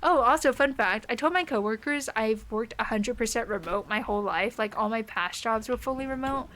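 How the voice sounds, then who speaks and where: A woman's voice: fairly high pitch, brisk, fairly bright tone, a little hiss or hum. A young woman streaming from home, chatting with her live audience in a rambling, casual way with lots of fillers. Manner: chatty and rambling, many "like" fillers, light laughs.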